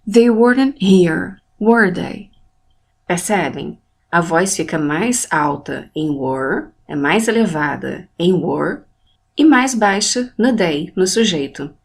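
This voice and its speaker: Clear, deliberate woman teaching English. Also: on the low side. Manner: clear, deliberate, models English phrases then translates them. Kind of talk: scripted language lesson narration.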